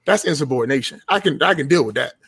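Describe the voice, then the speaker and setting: A man's voice: on the high side, animated, fast, vocal fry, a bit bright, slightly rough, dry recording. A man in his thirties, a podcast guest, telling casual stories in a blunt, profane way and often laughing as he talks. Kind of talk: casual storytelling.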